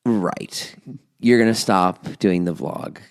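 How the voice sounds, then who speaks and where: A man's voice: sits low, fairly even intonation, slow, clear, resonant tone. A man co-hosting a podcast, exasperated and swearing freely as he argues and teases. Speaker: podcast co-host. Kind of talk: casual podcast banter.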